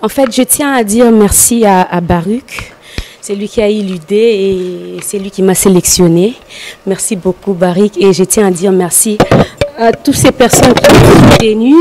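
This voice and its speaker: A woman's voice: medium pitch, measured pace, noisy background. A woman dancer thanking people earnestly on live TV. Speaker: dancer, award winner.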